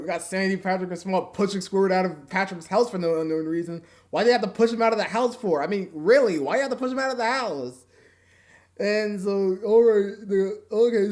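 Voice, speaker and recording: Male reviewer, high voice, indignant webcam rant, repeats his points. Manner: indignant, ranting, repeats himself. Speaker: episode reviewer. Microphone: webcam mic.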